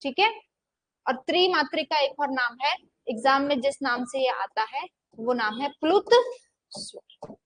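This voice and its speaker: A woman's voice: high voice, a little slow, fairly bright tone, no echo. A young woman giving a Hindi grammar lecture, often asking a question and answering it herself, and stretching vowels out to show how long they last. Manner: asks the class questions and answers them herself, repeating "ठीक है". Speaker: Hindi teacher. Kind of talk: classroom lecture.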